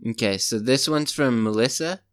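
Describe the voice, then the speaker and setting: A man's voice: mid-range voice, moderate pace, no echo, clean studio sound. A man co-hosting a podcast, reading out listener questions and chatting in an easygoing way. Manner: easygoing, reads questions aloud, laughs often. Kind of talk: casual chat.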